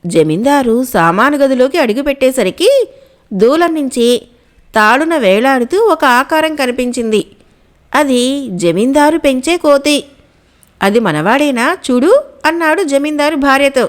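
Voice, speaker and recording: A woman narrating a children's folk tale, reading steadily and clearly. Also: high voice, expressive, measured pace. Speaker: storyteller.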